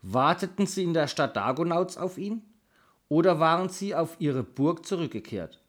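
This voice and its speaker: A man reading a children's book aloud in a calm, steady storytelling manner. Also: fairly high pitch, moderate pace. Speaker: reader.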